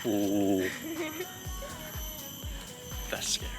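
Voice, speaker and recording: A man's voice: on the low side, monotone, very slow, soft background music. A young man vlogging his travels outdoors, chatty and teasing, talking into a handheld camera. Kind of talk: casual vlog narration. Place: outdoors and in a cable car.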